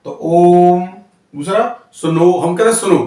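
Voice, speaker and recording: A man's voice: sits high, big pitch swings, normal speed, heavy reverb, recorded from a distance. A man teaching a grammar lesson for exam students, reciting letters one at a time and repeating each point.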